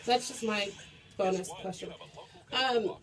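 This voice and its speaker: A woman's voice: mid-range voice, takes it slowly. A woman co-hosting a radio show, chatting casually and reading out listener messages in the studio. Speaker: radio co-host.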